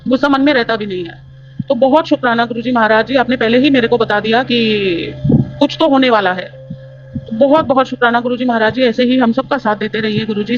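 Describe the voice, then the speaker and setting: A woman earnestly telling a personal devotional story to fellow followers, rambling with fillers and restarts. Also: on the high side. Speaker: devotee sharing a testimony. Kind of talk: casual spoken testimony. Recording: dull lo-fi audio.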